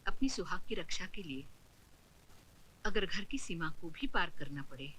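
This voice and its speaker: A woman's voice: lowish voice, animated, a little slow, bright, forceful tone, slight background noise. An actress voicing a solemn inner voice that preaches a wife's duty to her husband, in a film scene. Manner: solemn, echoing, half-whispered. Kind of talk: Hindi film drama.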